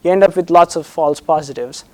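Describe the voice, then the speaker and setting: A man presenting an academic thesis defense as a doctoral candidate, hesitant and halting, often repeating words and checking in with "right?". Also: a little high, dark tone.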